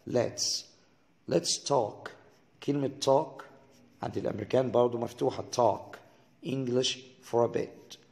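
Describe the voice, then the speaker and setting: A man's voice: medium pitch, fairly even intonation, creaky, dark tone, in a large hall. Egyptian man teaching English pronunciation. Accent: Egyptian Arabic. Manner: explains slowly, repeats English words to drill pronunciation. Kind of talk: recorded English lesson.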